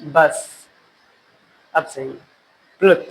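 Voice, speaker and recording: A male teacher giving a classroom lecture, repeating key phrases slowly so students can write them down. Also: on the high side, rough recording.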